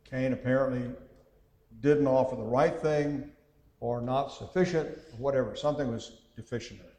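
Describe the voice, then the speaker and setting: A man teaching a Bible class in a conversational way, thinking aloud with frequent pauses and reading scripture passages aloud. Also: medium pitch, steady tone, mellow. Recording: echoey hall with long reverb.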